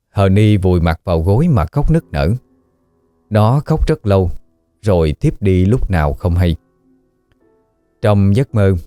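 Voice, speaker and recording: A man narrating a ghost story audiobook in a slow, somber storytelling manner. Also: low voice, dark tone, no echo.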